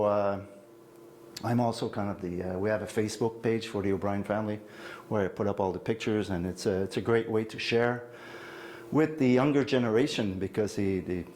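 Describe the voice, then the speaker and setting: Older man giving a rambling family-history talk. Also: fairly low pitch. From Quebec City, Canada. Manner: rambling, warm personal asides, many fillers and restarts. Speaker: guest speaker on family genealogy. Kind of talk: informal lecture. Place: meeting hall with an audience.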